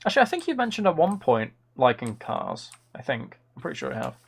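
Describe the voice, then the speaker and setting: A slightly high male voice with wildly swooping pitch moves fast through casual gaming-stream talk. The host rambles and keeps questioning himself; keyboard clicks and background noise are plainly audible.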